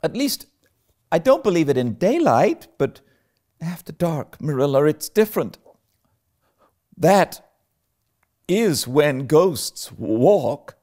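A man's voice: a little high, sing-song, takes it slowly, long pauses, a little mellow, pitched above the performer's own voice. A man voicing an eager, imaginative young girl in a storybook, breathless, pleading and melodramatic. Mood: earnest, spooked. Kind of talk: storybook character reading.

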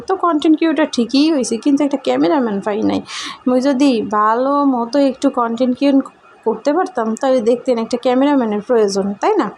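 A woman with a Barishal Bengali accent talks straight to her viewers in a loose, rambling vlog style, her voice sitting a little high. She teases along as she goes, poking fun at the cameraman. The sound comes from a camera her husband holds. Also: a little mellow, a little hiss or hum. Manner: rambling and teasing, jokes at the cameraman. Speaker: vlogger. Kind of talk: casual chatty vlog talk to viewers. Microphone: camera held by her husband.

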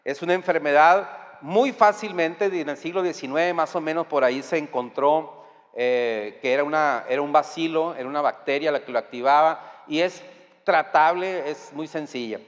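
A man with a Mexican accent delivers a sermon in a high, bright register. He talks to the congregation in a conversational way and pushes to loud, emphatic peaks. A long reverb hangs on his voice in the hall. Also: normal speed. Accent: Mexican Spanish. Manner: conversational, addressing the congregation directly. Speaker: preacher. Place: church hall.

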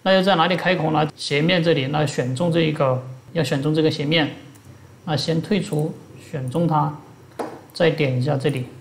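Gravelly man giving a step-by-step tutorial. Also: a little high, steady tone, moderate pace, slight background noise. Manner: step-by-step, plain explaining. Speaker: instructor. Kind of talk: screen-recorded software tutorial.

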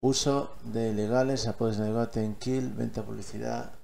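A man's voice: mid-range voice, fairly even intonation, normal speed, creaky, dark tone, a little hiss or hum. A man casually walks viewers through a gaming tutorial, often checking they are following. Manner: chatty, keeps checking in with listeners. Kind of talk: casual screen-recorded tutorial.

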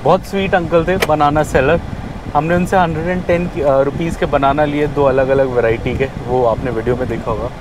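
A man's voice: on the high side, fairly even intonation, fairly quick, noisy background. A man in his thirties chatting casually as a travel vlogger outdoors on a road trip, mixing English words into his talk. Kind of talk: casual travel vlog narration. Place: outdoors on a road trip, by roadside stalls and a temple.

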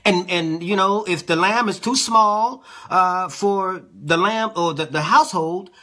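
A man's voice: high voice, a little slow, bright, forceful tone. A man teaching a sermon as an apostle, reading scripture and explaining it in a conversational way, often checking in with his listeners. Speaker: apostle, preacher.

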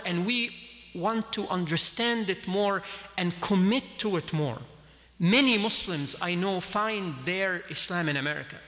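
In a large mosque hall, a man from Egypt in his thirties preaches earnestly into a standing microphone on a lectern, moving both hands as he talks. His voice sits high with a sharp tone, and the hall gives it a long reverb.

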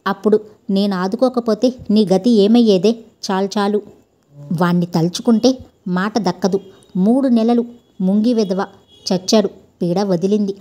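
A woman voicing a sharp-tongued old woman who nags and scorns in a storybook reading. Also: mid-range voice, natural voice. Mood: bitter. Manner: nagging, harsh, scornful.

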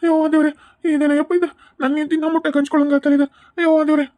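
A man's voice: sits high, very fast, warm tone, no echo, lightly acted. Man voicing a frightened village husband. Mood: alarmed. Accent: North Karnataka Kannada. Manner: fretful, exclaiming. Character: nervous village husband, comically frightened of his wife. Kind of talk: cartoon voice acting.

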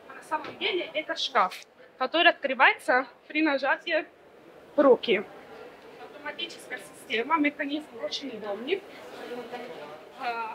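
A woman in her thirties demonstrates furniture at a fair stand, explaining fluently though with many small fillers. Her voice is high-pitched and a bit bright, and the recording is rough.

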